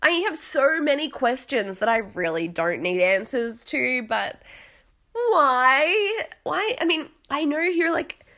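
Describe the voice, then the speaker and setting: A woman's voice: fairly high pitch, lively intonation, a little slow, a bit bright. A young adult woman hosting a podcast, chatting casually about reality TV in a rambling, self-deprecating and exclamatory way. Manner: dramatic, exclamatory. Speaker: podcast host.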